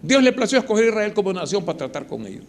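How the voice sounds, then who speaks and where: A man's voice: sits high, very animated, rapid-fire. A man preaching a sermon, explaining with rhetorical questions and short retold dialogues.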